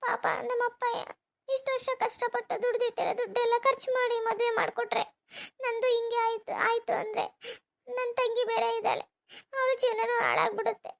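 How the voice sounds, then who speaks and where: A woman's voice: very high voice, level tone, a little fast, creaky, fairly bright tone, exaggerated voice. Woman voicing a fretting young cartoon bride-to-be. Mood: anxious, fretting. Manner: worried spoken monologue to herself. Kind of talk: cartoon voice acting.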